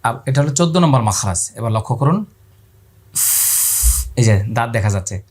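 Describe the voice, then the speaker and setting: A man's voice: medium pitch, animated, moderate pace, darkish tone. A man teaching Quran pronunciation, repeating letter sounds aloud and asking viewers to watch his mouth. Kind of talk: spoken lesson on letter pronunciation.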